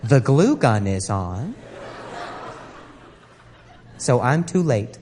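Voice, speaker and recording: A man's voice: mid-range voice, very animated, very slow, noisy background. A man doing a stand-up comedy routine, telling a story about his wife in an exasperated, sarcastic way.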